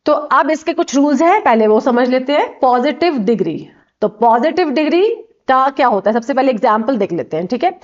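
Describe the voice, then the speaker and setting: A woman's voice: high-pitched, lively intonation, fairly quick, muffled recording. A woman teaching an English grammar lesson from slides, explaining step by step and often checking in with "okay".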